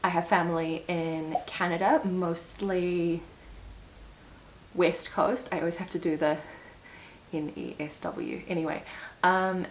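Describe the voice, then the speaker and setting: A woman in her twenties with a New Zealand accent sits indoors at home and chats casually to camera for a get-to-know-me vlog, upbeat and dropping small laughs. Her voice is on the low side. She's recorded on a small clip-on mic, and the poor audio carries a little hiss or hum.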